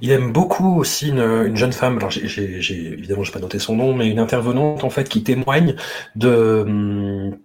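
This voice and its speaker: A man's voice: on the low side, lively intonation, moderate pace, a little mellow. A man co-hosting a podcast, talking casually and hesitantly, repeating words as he searches for them. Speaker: podcast co-host. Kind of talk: casual discussion.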